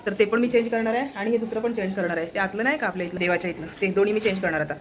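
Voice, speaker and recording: A woman's voice: medium pitch, rapid-fire, slight background noise. A woman chatting casually to viewers while cooking in her home kitchen, filming on a phone held in her hand and keeps pointing things out. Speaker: family vlogger.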